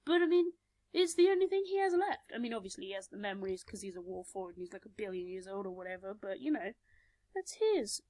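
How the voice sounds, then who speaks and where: A woman casually narrating her animated tabletop game story, rambling and self-mocking, on a cheap home mic. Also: medium pitch, fast, no room sound. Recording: background music under the voice.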